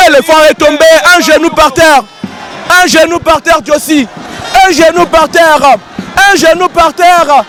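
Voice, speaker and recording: A hoarse man calling a wrestling match live, shouting and repeating his lines with drama. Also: very high voice, fairly even intonation, unhurried. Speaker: wrestling commentator. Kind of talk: excited live sports commentary. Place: outdoor wrestling ring with a crowd. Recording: loud crowd and music outdoors.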